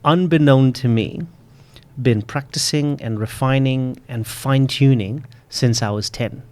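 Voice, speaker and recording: A man in his late thirties with a stutter, repeating word starts, speaking slowly and reflectively as a podcast guest. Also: mid-range voice, darkish tone. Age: 30s. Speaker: public speaking coach. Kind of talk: podcast interview.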